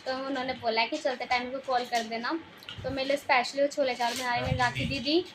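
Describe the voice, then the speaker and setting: A woman's voice: high voice, little pitch movement, quick pace, background noise. A young woman vlogging at her family home, chatting casually, teasing and laughing often. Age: young adult.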